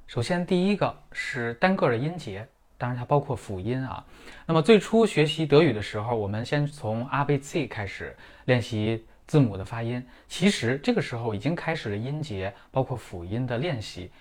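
A middle-aged man, a native Chinese speaker, teaching German pronunciation in a clear, methodical lesson full of everyday comparisons. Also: medium pitch, expressive, moderate pace. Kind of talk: scripted lesson in Mandarin.

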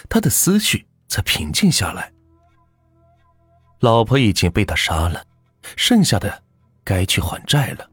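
A man tells a ghost story in a husky, fairly low voice whose pitch rises and falls with the drama. The sound is dry and close to the mic. Soft music plays faintly underneath. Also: dry recording.

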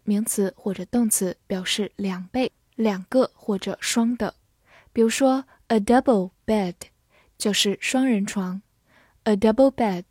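A woman teaching English vocabulary in Mandarin, spelling each word out letter by letter and reading the example sentences slowly and carefully. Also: a little high, darkish tone, no room sound, studio quality. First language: Mandarin Chinese. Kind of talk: scripted vocabulary lesson.

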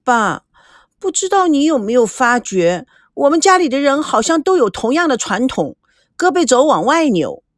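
A woman voicing a tearful, indignant teenage granddaughter who pleads in a high, whiny voice. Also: very animated, normal speed, no room sound, studio quality. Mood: pouting.

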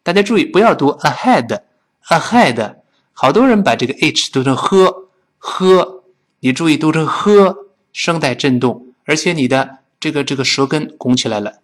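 Animated man teaching English. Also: a little high. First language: Chinese. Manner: animated, drills phrases slowly then fast. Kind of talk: spoken English lesson.

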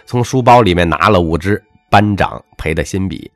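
A man giving a motivational monologue with a personal story, talking emphatically in a lecturing way and letting his phrases drop low at the end. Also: expressive, normal speed, fairly bright tone, no echo, studio quality. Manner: emphatic, lecturing, swings between punchy highs and dropped low endings. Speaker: self-help speaker.

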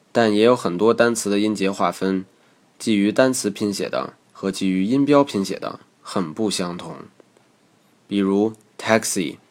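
A man narrating a scripted lesson as an English teacher, explaining calmly and reading example words aloud. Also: lowish voice.

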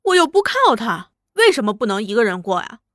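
A woman voicing a proud, headstrong woman in her thirties who answers with sharp, scornful retorts. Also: fairly high pitch, very animated, a little fast, dry recording, studio quality.

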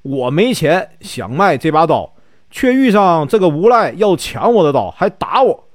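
A man's voice: on the high side, very animated, normal speed, no echo, clean studio sound. A man voicing a proud, down-on-his-luck warrior who speaks firmly. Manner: firm, proud.

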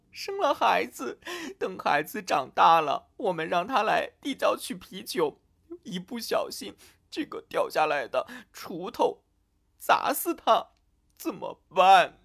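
A man's voice: sits high, big pitch swings, takes it slowly, vocal fry, fairly bright tone, voice pushed up, heavily acted. A man voicing a young woman who frets and sobs over imagined troubles in a storybook. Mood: tearful. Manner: sobbing, wailing worry. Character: young woman Elsa, anxious overthinker, weeps easily.

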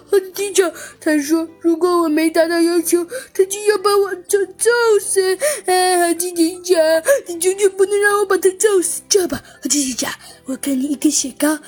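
A woman voicing a playful, scheming little chick child in a children's story, talking fast and pleading. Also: very high voice, a little mellow.

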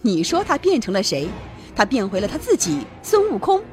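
A woman narrating a children's story in an expressive, lively way. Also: a little high, normal speed, soft background music.

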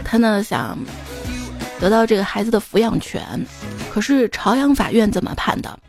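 A woman's voice: mid-range voice, animated, normal speed, creaky, a little mellow. A woman hosting a podcast, reading jokes aloud and chatting about them with listeners in a playful, conversational way. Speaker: podcast host. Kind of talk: reading jokes with casual commentary. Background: faint background music.

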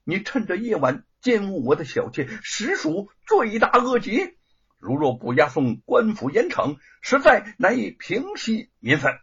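Brief: man voicing a gloating, cold-sneering villainous master, husky, dull recording. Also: sits high, huge pitch swings, measured pace, voice pushed up, full character voice. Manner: cold sneering taunts, loud accusations. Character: sly scheming rich old master, gloating.

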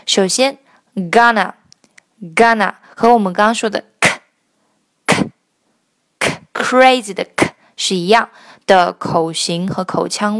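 A woman teaching the pronunciation of a song line by line, explaining patiently and singing phrases slowly to demonstrate. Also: medium pitch.

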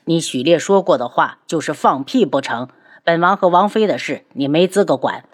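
Woman doing a cold proud prince, lowered stern voice, commanding, audiobook. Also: animated, normal speed.

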